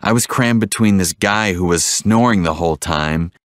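Very deep man reading dialogue. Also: dry recording, studio quality. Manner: slow, clear repetition of each line. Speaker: dialogue voice in English lesson.

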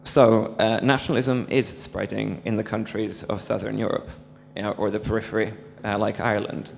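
A young man from Serbia asking an earnest question from the audience into a handheld mic, talking fast with many fillers. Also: lowish voice, little pitch movement, gravelly. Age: young adult. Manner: rapid and earnest, thick with fillers. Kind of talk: public Q&A question. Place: large dark hall with an audience, standing. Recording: hall reverb with a faint hum.

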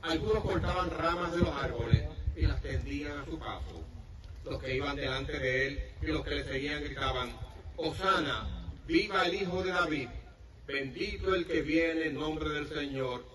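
A man reads scripture in a slightly raised voice and an even, unhurried cadence. He sounds distant from the mic, and a heavy echo trails each phrase. A crowd can be heard around him. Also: on the high side. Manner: reads steadily in a measured liturgical cadence. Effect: echoey sound from far off. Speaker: gospel reader at mass. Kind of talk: liturgical reading.

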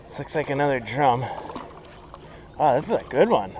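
A man in his forties, fishing from an outdoor riverbank, chatting excitedly to the camera and to the fish he catches. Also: medium pitch, normal speed, a little hiss or hum. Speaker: fishing vlogger. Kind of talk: casual narration while fishing. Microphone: chest-mounted action camera.

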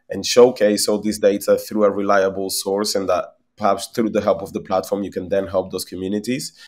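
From a small room at home, a young Spanish founder is interviewed over video call through his laptop webcam mic. His fairly low, slightly mellow voice goes on at length, and he often repeats words mid-thought.

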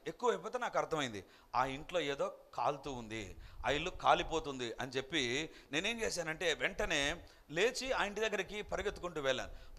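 A man's voice: high-pitched, a bit bright. A male pastor preaching a sermon, telling stories with animation and building to emphatic exhortation.

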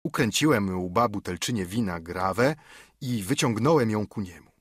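Male audiobook narrator, husky and low, dry close recording. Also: moderate pace, dry recording. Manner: steady storytelling, lifting pitch for quoted dialogue. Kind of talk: scripted narration.

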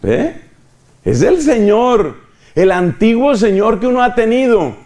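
Guy preaching hard, fairly high voice, gets loud on the big lines. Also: big pitch swings, unhurried. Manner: impassioned, rising to near shouts on key lines. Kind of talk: sermon.

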